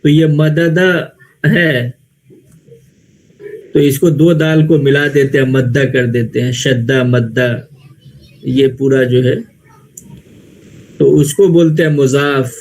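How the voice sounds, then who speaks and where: A man's voice: mid-range voice, a little mellow. A man teaching Arabic grammar in Urdu with an Indian Urdu accent, explaining step by step and answering his own questions. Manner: explains slowly, asks questions and answers them himself. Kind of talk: classroom lecture.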